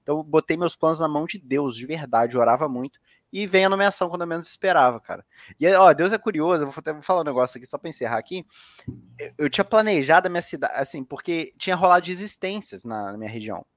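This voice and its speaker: A man's voice: a little high, expressive, quick pace, no echo, clean studio sound. A man hosting a casual podcast, telling a story with lots of slang and swearing. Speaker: podcast host.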